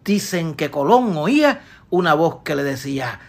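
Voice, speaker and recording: A woman's voice: low-pitched, sing-song, measured pace, creaky, a little mellow. A woman narrating a comic tale in rhymed verse with a wry, playful delivery. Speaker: storyteller.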